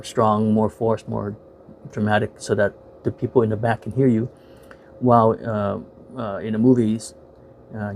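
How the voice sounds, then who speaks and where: A man's voice: fairly low pitch, creaky, a little mellow, a little hiss or hum. A man giving a casual, rambling movie review, full of filler words and self-corrections, frank and opinionated.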